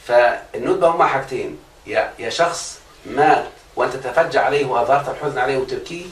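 A man's voice: mid-range voice, fast talker. A man with an Egyptian Arabic accent teaching a religious grammar lesson, constantly quizzing his students on whether they follow. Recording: echoey room, far from the mic, faint noise.

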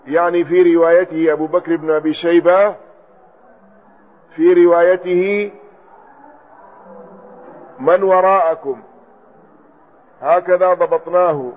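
A man giving a classroom lecture as a religious teacher, methodically explaining a text, spelling out word forms and repeating points as he goes. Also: sits high. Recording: dull lo-fi recording.

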